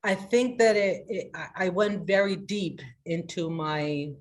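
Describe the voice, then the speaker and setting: In a live motivational session for her online community, a woman life coach talks with energy and emphasis, restarting often and moving from booming greetings to a quiet, confiding tone. She has a fairly low voice and a measured pace.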